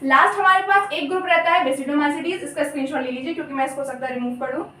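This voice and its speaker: Young female tutor, high-pitched, chatty and apologetic, recorded off-mic in an echoey room. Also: pushed and bright, recorded from a distance. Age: young adult. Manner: chatty, apologetic, repeats terms slowly. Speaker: biology teacher. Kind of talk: casual Hindi lecture with mnemonics.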